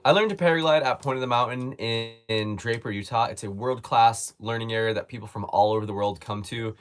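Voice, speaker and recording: A man's voice: medium pitch, a little fast, smooth. A man hosting a casual live Q&A, talking in an easygoing, reflective way. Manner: easygoing, reflective, restarts phrases. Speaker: host.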